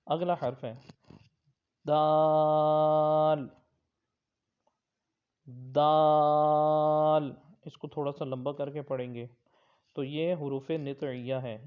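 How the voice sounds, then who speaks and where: A male Quran teacher giving an Arabic letter pronunciation lesson in Urdu, explaining patiently and then drawing each letter out loud and slow. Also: mid-range voice, lo-fi sound.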